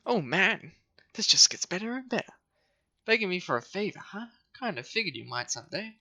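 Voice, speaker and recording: A man voicing a smug, snobby rival police officer who taunts and sneers, pitched higher and louder than his own talk. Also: sing-song, a little fast, heavily acted. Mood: sneering.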